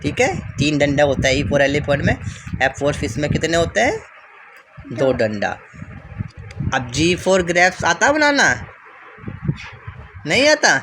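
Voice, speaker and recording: A man's voice: a little high, big pitch swings, takes it slowly, long pauses, noisy background. A man filming a casual home vlog, teaching his small child letters with short, repeated instructions. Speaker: father and family vlogger. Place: at home, indoors.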